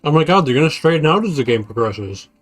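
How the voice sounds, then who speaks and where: A man's voice: on the high side, sing-song, fast, faint music behind. A man playing a story game with friends on a stream, dropping dry, teasing quips and questions. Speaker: co-player on a stream. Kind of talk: casual banter.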